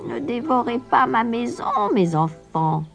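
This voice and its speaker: A woman voicing a wicked, half-blind old witch with a shrill, drawn-out, scolding voice. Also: expressive, gravelly, highs cut off, faint music behind. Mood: sweet luring.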